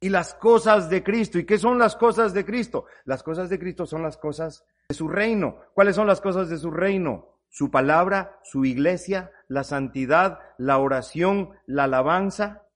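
A man preaching a sermon, swinging between loud urgent peaks and low hushed lines, acting out quoted voices as he goes. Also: moderate pace.

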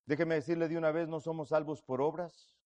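A man preaching a sermon, swinging between loud fervent passages and low quiet emphasis, often asking the listeners questions directly. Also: steady tone, brisk. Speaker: pastor.

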